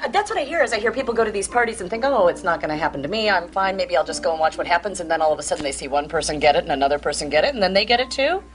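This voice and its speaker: A woman reporting a TV segment, joking and asking quick questions. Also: lowish voice, lively intonation.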